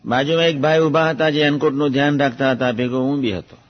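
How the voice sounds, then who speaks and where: A man giving a measured, reflective devotional discourse about a guru's teachings. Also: medium pitch, fairly even intonation. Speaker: religious speaker recounting a guru's teachings. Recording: muffled lo-fi recording.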